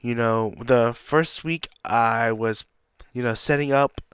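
Male podcast host, medium pitch, under the weather and slightly raspy, casual halting solo delivery, dry recording. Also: fairly bright tone, no room sound. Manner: halting, often repeats himself. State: under the weather, feeling sick with a cough.

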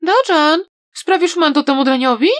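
A shy young girl with a high, bright voice, put on by a woman reading a story. She speaks a touch louder than the narration and rushes as she admits her feelings. The sound is close and dry. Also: no echo, lightly acted. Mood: eager.

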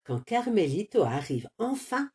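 A woman narrating an animated children's series in a gentle, measured storytelling manner. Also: mid-range voice.

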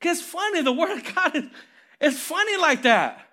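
A man preaching a lively, conversational sermon as pastor, telling stories animatedly and calling for amens. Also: extremely high pitch, normal speed. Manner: animated storytelling, calls for amens.

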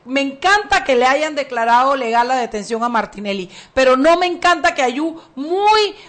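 A woman's voice: sits high, lively intonation, normal speed, fairly bright tone. A woman hosting a radio talk show, commenting on the news with emphatic, indignant, playful remarks and interviewing guests. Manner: emphatic, indignant, playful Cuban-style slang.

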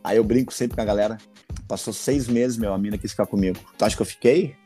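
A comedian with a Rio Grande do Sul accent, telling stories in a casual chat, animated and full of slang. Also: male voice, fairly low pitch, quick pace, soft background music. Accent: Rio Grande do Sul Portuguese. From Porto Alegre, southern Brazil. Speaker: comedian guest.

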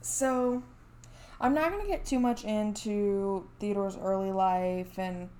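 A woman's voice: mid-range voice, slow pace, warm tone. A woman co-hosting a podcast, telling a true story in casual chat with many fillers and restarts. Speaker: podcast co-host.

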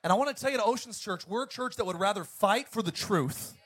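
A man's voice: high-pitched, lively intonation, fast, husky. A male pastor preaching an emphatic sermon to his congregation. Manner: emphatic, preacherly, swings between loud and quiet.

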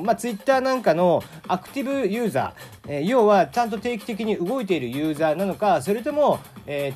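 A man talks through his own solo show in a loose, rambling way, catching and fixing his slips as he goes. His pitch swings widely from phrase to phrase, and soft music sits faintly under his voice. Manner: chatty, rambling, self-correcting. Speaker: podcast host. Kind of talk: casual solo radio talk.

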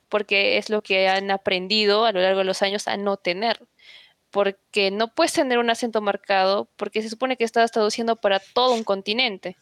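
A woman's voice: mid-range voice, a bit bright, no echo. A woman, a podcast guest in casual chat, telling anecdotes and explaining things at length.

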